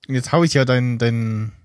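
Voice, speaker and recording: A man's voice: mid-range voice, no room sound. A man co-hosting a casual podcast chat in a dry, laid-back way, often laughing. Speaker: podcast co-host.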